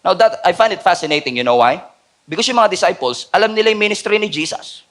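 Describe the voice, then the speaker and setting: Dramatic Filipino preacher, high voice. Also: male voice, expressive, quick pace. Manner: dramatic, swings between quiet and loud. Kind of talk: sermon mixing Tagalog and English. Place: church night service.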